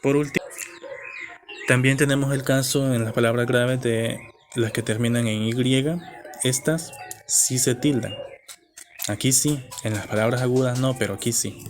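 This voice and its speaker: A man's voice: medium pitch, steady tone, moderate pace, long pauses, over music. A man teaching a lesson, explaining patiently step by step and checking in with his listeners.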